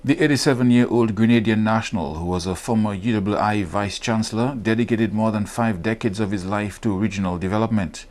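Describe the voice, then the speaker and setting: A male reporter reading a scripted news report with measured, formal delivery. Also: fairly low pitch, a little mellow.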